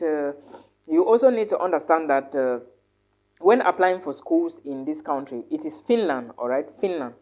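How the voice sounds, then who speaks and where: A woman with a very low voice gives casual advice on studying abroad, tossing in "all right?" and fixing her words mid-sentence. She sounds a bit tired. The recording is dull and lo-fi. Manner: tag questions like "all right?", many fillers and self-corrections. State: tired, yawning a lot. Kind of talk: casual advice talk to camera.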